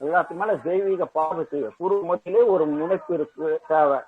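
A man gives a spiritual talk in a fairly high voice, pressing his points with rising emphasis and repeated words. He restarts words now and then as he goes. The sound is narrow and tinny, like a phone line. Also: a little fast, husky. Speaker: spiritual speaker.

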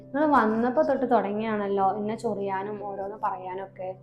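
A woman's voice: mid-range voice, steady tone, brisk, reverberant, dull audio, over music, lightly acted. A woman playing Jessy, a patient daughter-in-law. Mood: pleading. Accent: Malabar Malayalam. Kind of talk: comedy skit acting.

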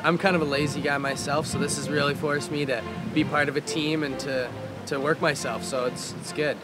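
A man's voice: fairly high pitch, flat delivery, fairly quick. A young man from Canada speaking in a casual documentary interview about his dragon boat team, recorded outdoors at night on a lapel mic. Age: young adult. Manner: casual, easygoing, says "man" and "like". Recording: music playing underneath.

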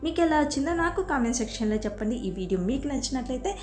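Telugu-accented woman, home cooking host; clear, patient recipe narration with a touch of higher pitch over quiet music. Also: racing. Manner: instructive, steady step-by-step guidance.

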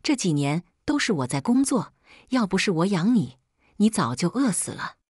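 A woman's voice: mid-range voice, sing-song, moderate pace, darkish tone, slightly rough, no echo, clean studio sound. Woman reading a contemptuous selfish husband. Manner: contemptuous, bullying. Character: selfish arrogant young husband.

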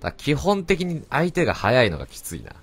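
A man giving casual, excitable commentary over his own gameplay and often shouting back at the game. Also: mid-range voice, brisk, husky. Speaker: let's play commentator. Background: faint game music.

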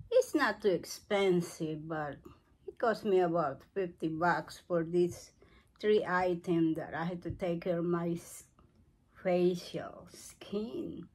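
Woman in her seventies, home vlogger, very slow and halting, reaching for words as she goes. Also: on the low side. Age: 70s. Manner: slow, searching for words, non-native phrasing. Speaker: craft and beauty vlogger. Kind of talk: unscripted home tutorial. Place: cluttered living room at home.

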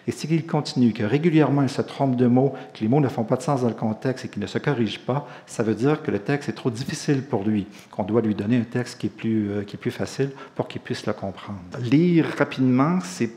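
A man with a Quebec French accent giving a relaxed, explanatory public lecture and mixing in personal anecdotes. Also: medium pitch, a little fast, hardly any pauses.

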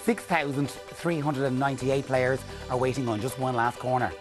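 A middle-aged man presenting a TV bingo draw in a clear, measured, scripted style. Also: medium pitch, steady tone. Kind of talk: scripted game-show presenting, calling out numbers. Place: TV studio. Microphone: lapel mic. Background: music.

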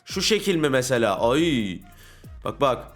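A young man giving casual commentary on a football video game, getting frustrated, ranting and shouting at big plays. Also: medium pitch, big pitch swings, unhurried, soft background music. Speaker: gaming YouTuber.

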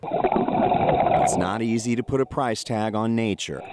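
A man reporting for a television news story, reading voice-over in a measured, formal way. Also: on the low side, very noisy.

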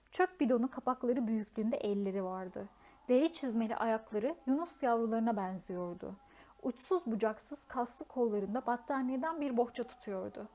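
A woman's voice: fairly high pitch, a little mellow. A woman narrating a children's fantasy novel as an audiobook, reading steadily and expressively with a few small slips. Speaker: audiobook reader.

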